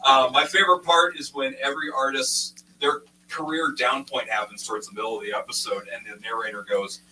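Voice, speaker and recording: A man's voice: medium pitch, steady tone, fairly quick, sharp tone. A man doing a live stand-up comedy set on stage, with self-deprecating jokes. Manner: self-deprecating joke delivery. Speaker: stand-up comic. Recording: distant mic in a noisy room.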